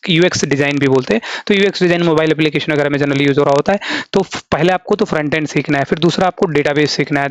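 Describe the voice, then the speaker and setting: A man's voice: on the high side, no room sound. A man with an Indian accent teaching programming in a tutorial lecture, explaining step by step and asking and answering his own questions. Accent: Indian English. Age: adult, has a three-year-old son. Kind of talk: Hindi-English tutorial lecture.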